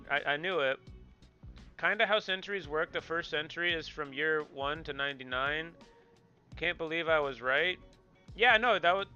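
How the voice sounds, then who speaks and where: A man's voice: fairly high pitch, pushed and bright, smooth, highs cut off. A man streaming a game, chatting casually with viewers in a joking, rambling way and repeating himself.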